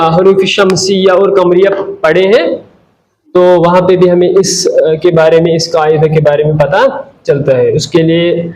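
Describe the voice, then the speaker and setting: A man's voice: sits high, roomy sound, poor audio. A man teaching Arabic grammar in a classroom lesson, who keeps asking and answering his own questions and repeating key terms. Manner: mixes Hindi-Urdu with English terms.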